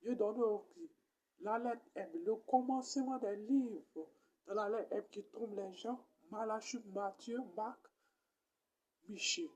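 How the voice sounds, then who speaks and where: This is a woman comedian with an Ivorian French accent delivering a mock Bible lesson. Like a teacher, she slowly repeats every point. Her voice is a little high, with a darkish tone.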